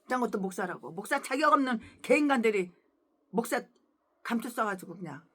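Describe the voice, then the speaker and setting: A woman pastor preaching a sermon in a fiery, scolding way, full of crude insults, moving between quiet asides and shouts. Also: a little high, animated, a little fast, breathy edge. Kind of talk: expository sermon.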